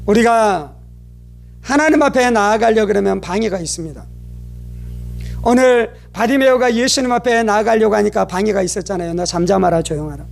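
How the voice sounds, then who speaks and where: Man, pastor, sermon, high-pitched, gravelly, dramatic preaching, rhetorical questions. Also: moderate pace, faint music behind. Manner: dramatic preaching, rising to shouted cries when quoting the blind man.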